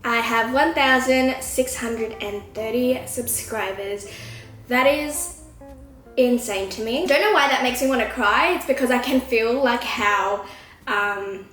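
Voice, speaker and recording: Woman, twenties, giggly reaction vlogger; bright raised register, echoey apartment, light music bed. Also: fairly high pitch, unhurried. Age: 20s. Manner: chatty, giggly, self-conscious. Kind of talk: casual reaction vlog chat. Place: apartment at home. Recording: roomy room with soft music.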